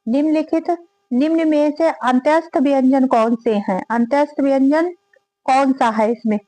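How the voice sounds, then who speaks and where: A woman's voice: high-pitched, fairly even intonation, normal speed, mellow, no echo, poor audio. A woman teaching a grammar lesson, reading out quiz questions and going through the answer options one by one. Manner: reads each question then lists and repeats the options aloud.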